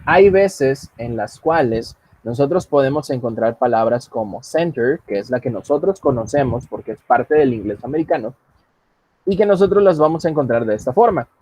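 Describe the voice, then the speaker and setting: Man, husky voice, patient teacher, jokey asides, computer mic. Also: medium pitch, animated, normal speed, darkish tone. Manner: patient, joking asides, switches between English and Spanish. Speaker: English teacher. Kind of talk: online class, bilingual teaching. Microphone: computer mic on a video call.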